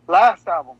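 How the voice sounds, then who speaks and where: Man, podcast co-host, higher-pitched and eager, dry and dull lo-fi sound. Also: husky, dry recording. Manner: enthusiastic, rambling with restarts. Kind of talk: casual music discussion.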